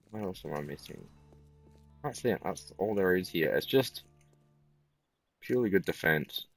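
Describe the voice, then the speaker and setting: A tired man giving casual gameplay commentary in a flat, musing way. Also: sits low, gravelly, no echo. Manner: self-described monotone, relaxed and musing.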